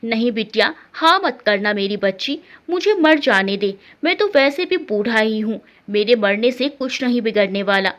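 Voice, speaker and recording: A man's voice: high-pitched, animated, normal speed, few pauses, a bit bright. A woman voicing a loving old man who begs to save a young woman. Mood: pleading. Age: older. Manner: pleading.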